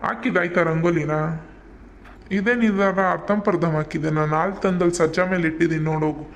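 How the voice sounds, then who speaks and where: A man's voice: fairly high pitch, fairly even intonation, brisk, gravelly, a little hiss or hum. A man voicing an impatient young husband in a comedy cartoon, giving bossy commands.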